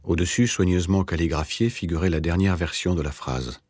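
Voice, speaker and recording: A man reading a novel aloud as narrator, in a measured, even literary delivery. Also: sits low, breathy edge, no room sound, clean studio sound. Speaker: audiobook narrator.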